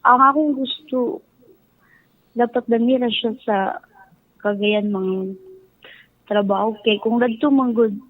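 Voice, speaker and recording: Calling in with a Filipino Cebuano accent, a woman casually and deferentially gives her opinions, speaking slowly with long pauses in a slightly high, steady voice. The phone audio is dry and muffled, with faint music underneath.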